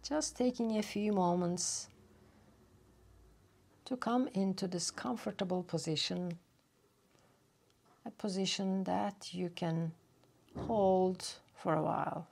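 Her fairly low, creaky voice leads listeners through a yoga nidra relaxation. This teacher talks softly and slowly, with long pauses between phrases.

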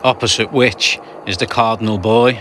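A man's voice: on the low side, fairly even intonation, moderate pace, a bit bright, a little hiss or hum. A man narrating his sailing trip in a chatty, explanatory voice-over with dry humour. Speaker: sailing vlogger narrating a passage.

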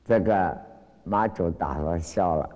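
Low-voiced man lecturing in a reverberant hall. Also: lo-fi sound. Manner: animated storytelling, acts out quoted cries; frequent drawn-out fillers. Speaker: Buddhist teacher. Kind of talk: lecture retelling a Zen story.

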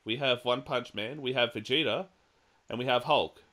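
A man's voice: mid-range voice, moderate pace, a bit bright. A man hosting a casual podcast panel, steering the votes and laughing often. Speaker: podcast host.

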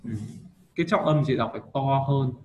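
A man tutoring a learner in English pronunciation, patiently repeating words slowly for her to copy. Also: mid-range voice, dull audio. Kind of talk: online one-on-one English lesson.

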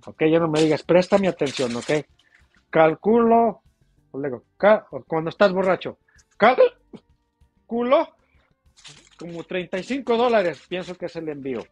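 A man's voice: a little high, expressive, darkish tone, soft background music. A man, a taco vendor chatting casually on a livestream and reading viewer comments, laughing often. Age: 40s. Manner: chatty, laughs often, drawn-out playful exclamations.

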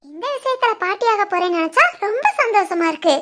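A woman voicing a fussy, doting middle-aged village mother in an animated family story, with a southern Tamil Nadu accent. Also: very high-pitched, fast, heavily acted. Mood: joyful. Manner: bossy, chatty.

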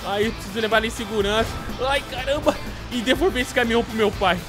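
A man's voice: very high-pitched, quick pace, music in the background. A man playing a runaway kid in a game role-play, frantic and exclamatory.

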